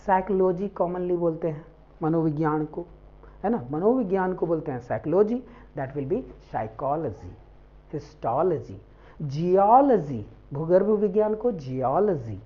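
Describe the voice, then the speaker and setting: A woman's voice: lowish voice, expressive, measured pace. A woman teaching a spoken English lesson, spelling words out letter by letter and mixing in Hindi. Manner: switches between English and Hindi. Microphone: faulty mic. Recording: dull lo-fi mic.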